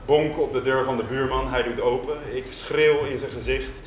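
A man performing a first-person prose monologue on stage, intense and rhythmic with dramatic pauses. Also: mid-range voice, fairly even intonation, slight background noise. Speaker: performer reading a literary monologue. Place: stage in a music venue. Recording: echoey live room from a distance.

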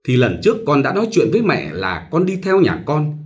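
A man's voice: fairly high pitch, wildly swooping pitch, fairly quick. A man voicing a tearful, aggrieved young married woman in a storybook reading. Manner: tearful and complaining.

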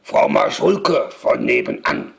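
A man doing a dark, rough old witchy neighbor lady. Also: medium pitch, very animated, takes it slowly, pitched below the performer's own voice, heavily acted. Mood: introducing herself. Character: nosy old woman neighbor taken for a witch.

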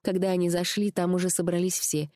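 A woman narrating an audiobook with an even, measured reading. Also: lowish voice, no room sound, studio quality.

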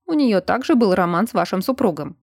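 A gruff male detective with a dry wit, read by a woman. He speaks in short, laconic lines. The recording is dry and close. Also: mid-range voice, sing-song, fairly quick, a little mellow, no echo.

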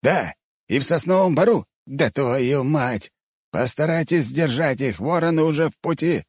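A man's voice: mid-range voice, moderate pace, darkish tone, dry recording, studio quality, voice pushed up, natural voice. A man voicing a sardonic male rector in an audiobook, speaking in curt, mocking replies. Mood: alarmed.

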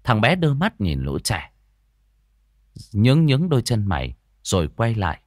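A man narrating a ghost story in a measured, expressive way. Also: fairly low pitch, dry recording, studio quality.

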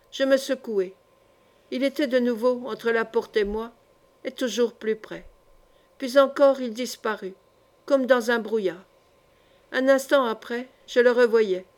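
A woman narrating a classic short story in a measured, dramatic way. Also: on the high side, a little mellow. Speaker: audiobook reader. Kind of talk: literary narration.

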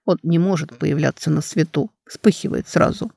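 A woman voicing a stern young man who speaks slowly in a flat, measured, quiet voice in an audiobook. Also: low-pitched, vocal fry, no echo, clean studio sound. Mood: calm. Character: calm stern young man, protective brother.

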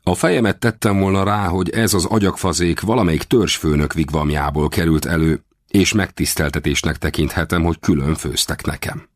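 A man reading a first-person adventure novel as an audiobook, expressive and lifting his voice for shouted dialogue. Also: low voice, no echo, clean studio sound. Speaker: audiobook narrator.

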